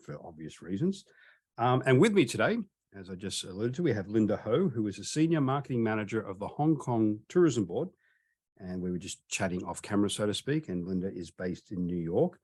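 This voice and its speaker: A man's voice: on the low side, a little mellow. A man hosting a travel webinar over a video call, chatty and friendly, with frequent ums and restarts. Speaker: webinar host.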